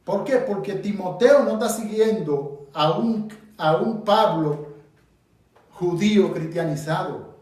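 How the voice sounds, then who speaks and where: A man from the Dominican Republic teaches the Bible interactively, asking the group questions and insisting on his points emphatically in Dominican-accented Spanish. He speaks slowly in a high, slightly mellow voice, picked up from a distance in an echoey room.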